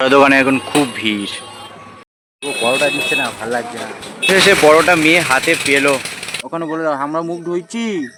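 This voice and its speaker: A young man from West Bengal speaks at medium pitch and a moderate pace over background noise. Recording a casual daily-life vlog on a handheld phone at his village home, partly outdoors in the rain, he chats and coaxes his little daughter.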